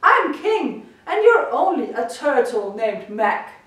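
A woman's voice: high-pitched, big pitch swings, slow pace, fairly bright tone, exaggerated voice. A woman voicing a boastful male turtle king who bellows and gloats. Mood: bellowing. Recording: echoey room from far off.

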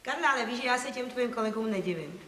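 An actress playing a sharp-tongued middle-aged wife who calmly teases her hot-headed husband, in an old TV comedy. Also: fairly high pitch, distant mic, slight background noise. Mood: needling. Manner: mocking, calm, needling. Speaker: wife and mother. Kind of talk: 1970s TV comedy acting. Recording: echoey old TV soundtrack.

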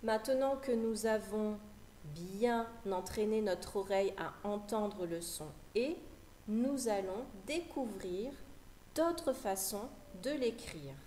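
Woman teacher, phonics lesson for small kids, very slow careful delivery, each word repeated, echoey room, faint background hum. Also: medium pitch, animated, mellow. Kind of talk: phonics lesson for young children.

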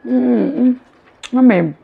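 A woman's voice: a little high, takes it slowly, vocal fry, slightly rough, narrow, tinny audio. A woman, a mukbang vlogger chatting to viewers while chewing with her mouth full. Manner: chatty, addresses viewers directly. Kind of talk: casual eating vlog.

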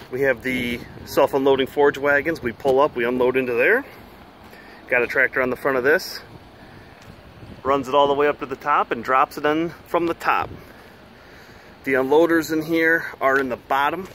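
Middle-aged man, farmer, bright voice, folksy casual explaining, handheld outdoor audio with faint noise. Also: mid-range voice. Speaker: farmer giving a tour. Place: outdoors in a farmyard beside silos, partly inside a steel silo. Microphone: handheld camera or phone.

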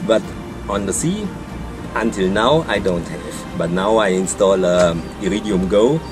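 Older sailor, halting. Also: male voice, sits low, animated, over music. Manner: halting, simple phrasing. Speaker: interviewed sailor. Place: on deck of a boat, outdoors.

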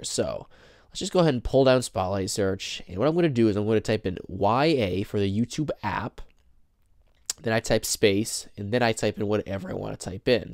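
A young man with a low, gravelly, slightly mellow voice hosts a casual tech tutorial, demoing phone tweaks at an indoor table while a camera mic behind the handheld phone records. He's chatty, walking through each step with fillers and small self-laughs, and the sound is clean and studio-like with no room echo.

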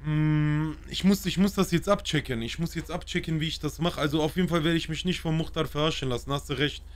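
A man's voice: on the high side, quick pace. Brash slangy man streaming a role-play.

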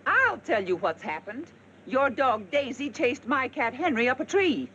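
An actress playing an indignant, fussy neighbor who complains about a dog, in 1940s film acting. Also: female voice, high voice, sing-song, unhurried, a bit bright, lo-fi sound, a little hiss or hum, heavily acted. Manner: huffy, complaining. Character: indignant, fussy middle-aged woman neighbor.

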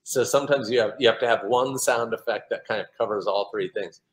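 A man's voice: on the low side, fairly quick, poor audio. Upbeat man asking playful questions. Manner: upbeat, playful questioner who laughs often. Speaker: interviewer. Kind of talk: casual interview.

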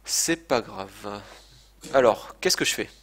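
Livestreaming his gameplay, this man gives casual commentary that's chatty and hesitant, laced with swearing and self-mockery. He speaks slowly in a low-leaning, animated, fairly bright voice, picked up by a desk mic with game audio from speakers in the background.

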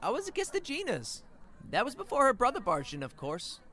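A man's voice: very high voice, wildly swooping pitch, brisk, pushed and bright, pitched above the performer's own voice, full character voice. A man voicing a defensive, scrappy young male runaway with a casual manner in an audiobook. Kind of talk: audiobook character voice.

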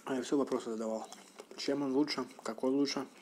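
A middle-aged man chatting casually while eating, talking with his mouth full and chewing, reminiscing in a relaxed way. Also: medium pitch, fairly quick, a little hiss or hum. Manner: relaxed, reminiscing, drifting to a whisper. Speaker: mukbang vlogger.

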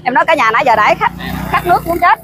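A woman's voice: very high-pitched, very animated, rapid-fire. A woman vlogger with a Southern Vietnamese accent, chatting casually to viewers at a crowded wedding feast, talking to her phone camera. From Mekong Delta, Vietnam. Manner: chatty, addresses viewers constantly. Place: crowded outdoor wedding party. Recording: noisy crowd behind.

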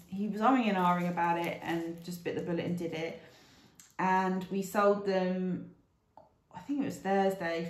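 A woman's voice: on the low side, a little mellow, reverberant. A British woman in her thirties, chatting casually to camera in a rambling, aside-filled way as a reseller vlogger. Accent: British English.

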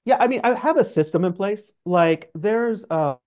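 With a high, animated voice at a moderate pace, the middle-aged financial adviser explains things as an interview guest. His talk is informal and hedged with "like" and "sort of," captured over a dull-sounding video call from an indoor office.

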